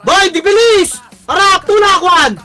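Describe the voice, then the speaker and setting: A Filipino man calling commands to his team during an online game, barking quick orders and swearing often. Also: very high-pitched, pushed and bright. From Philippines. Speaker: team shotcaller. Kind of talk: live game commentary and team calls.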